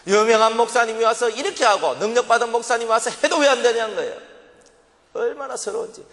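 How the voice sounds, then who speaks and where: A man's voice: very high voice, fast, a bit bright. A male pastor with a Gyeongsang accent, preaching a sermon as dramatic personal testimony and acting out his old prayers. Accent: Gyeongsang Korean. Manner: dramatic storytelling, acts out his own past prayers and crying. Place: church sanctuary. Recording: long reverb of a church hall.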